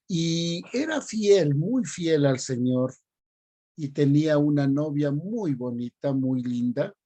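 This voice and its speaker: An older man shares a testimony with a congregation, earnest and emphatic, repeating key phrases. His voice is husky and mellow, pitched a little high for a man. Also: expressive, slow. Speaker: church elder sharing a testimony. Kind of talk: preaching testimony in a Bible study.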